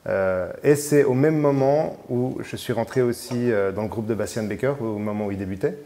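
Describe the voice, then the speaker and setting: Mellow-voiced man, halting with fillers. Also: mid-range voice. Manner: hesitant, many fillers and restarts. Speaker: musician and producer guest. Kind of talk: casual radio interview.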